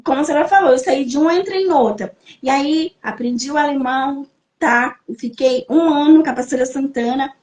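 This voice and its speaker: A woman's voice: high voice, a little fast, a little mellow. A young Brazilian woman giving an emotional personal testimony on a podcast, telling her story and acting out the voices she quotes. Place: living in Germany, remote podcast.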